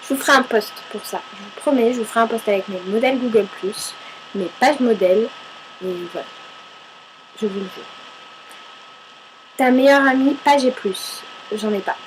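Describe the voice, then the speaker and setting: Reading viewer questions aloud and answering them loosely, this fairly high-voiced woman from Paris chats to camera at a moderate pace with long pauses. She pokes fun at herself, swears now and then, and responds to her own remarks, while a faint hum runs beneath the low-quality recording.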